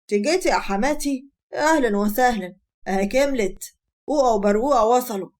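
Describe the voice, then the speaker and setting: A woman's voice: fairly high pitch, fast, darkish tone, close to an everyday voice. A woman voicing a brash, defiant young Egyptian husband who mocks his mother-in-law. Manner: defiant, mocking.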